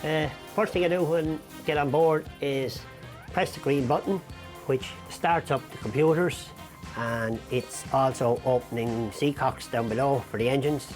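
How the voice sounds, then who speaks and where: An Irish man, a mechanic, explaining his routine informally in a halting, plain-spoken way. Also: medium pitch, fairly even intonation, faint music behind. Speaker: lifeboat mechanic.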